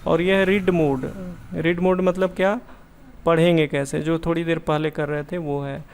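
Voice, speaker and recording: Male computer tutor, slightly high voice with gravel and a smooth, resonant tone, talks things through casually as he works. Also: flat delivery, normal speed, a little mellow. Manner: chatty, thinks aloud, self-correcting. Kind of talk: casual screen-share tutorial.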